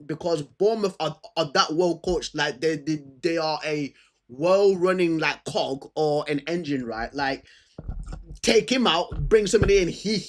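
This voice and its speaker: Unhurried and a little high in pitch, a male football fan previews upcoming fixtures in a loose, unscripted chat. He stammers, drops in slang, and repeats himself while working through his thoughts aloud.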